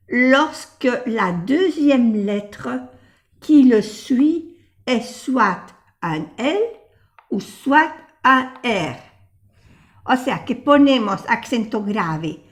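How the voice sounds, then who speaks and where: An older woman teaching a language lesson, patiently explaining and repeating each example word slowly. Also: fairly high pitch.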